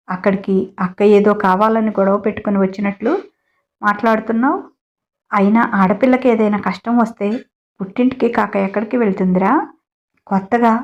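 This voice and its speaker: A woman voicing a doting, sharp-tongued middle-aged mother-in-law in a read-aloud family story. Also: medium pitch, steady tone, moderate pace, pauses often, natural voice. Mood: scolding. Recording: dull lo-fi audio.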